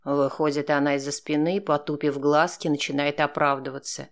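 A man narrating a first-person audiobook in a steady, dry, sardonic tone. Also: fairly high pitch, moderate pace.

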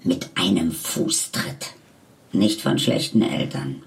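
A man voicing a gruff, deep-voiced male figure in a radio play, speaking slowly and drily. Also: expressive, heavily acted. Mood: dry grumbling.

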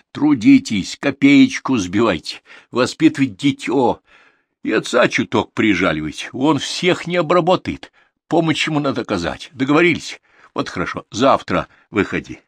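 A man voicing a big, stern older male farm manager who scolds in a raised, loud voice in an audiobook. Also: medium pitch, very animated, moderate pace, breathy edge, dry recording, pitched above the performer's own voice. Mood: coaxing. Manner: scolding, exasperated.

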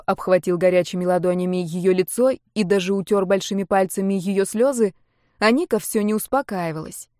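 Female audiobook narrator, even storytelling, dry close mic. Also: mid-range voice, dry recording. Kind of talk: scripted narration.

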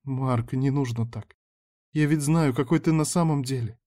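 A man's voice: medium pitch, moderate pace, dark tone, pitched above the performer's own voice, close to an everyday voice. A man voicing a distraught, defiant pregnant young woman in an audiobook, with a raised, strained pleading voice. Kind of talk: audiobook character voice.

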